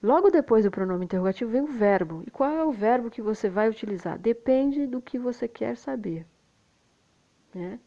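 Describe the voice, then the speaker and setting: A woman with a Brazilian Portuguese accent, a native Portuguese speaker, teaching English and slowly repeating example phrases, often adding "né?". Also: fairly high pitch, lively intonation, mellow, highs cut off. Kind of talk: slow explanatory lesson.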